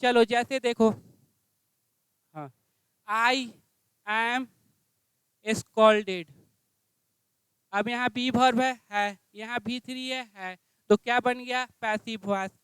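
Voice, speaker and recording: A man's voice: very high voice, steady tone, takes it slowly, long pauses, fairly bright tone, clear, resonant tone, dry recording. A male English teacher teaching grammar. He quizzes his class with repeated questions and spells out phrases word by word.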